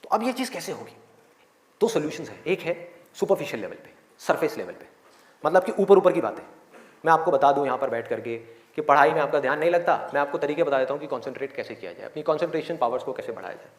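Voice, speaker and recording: A man's voice: a little high, animated, fast talker. A man giving a motivational speech to students in a large hall, asking rhetorical questions and acting out their inner voices. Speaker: motivational speaker. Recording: echoey hall, faint crowd.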